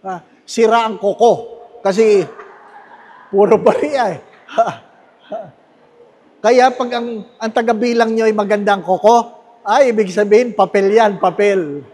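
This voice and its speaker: A man's voice: sits high, slow pace, long pauses, a little mellow, slight background noise. A Filipino priest giving a homily in a chatty, emphatic style, asking the congregation little questions and repeating his key phrases. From Philippines. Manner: conversational preaching with tag questions to the congregation. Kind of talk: sermon. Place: large church with long reverb. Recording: echoey church hall.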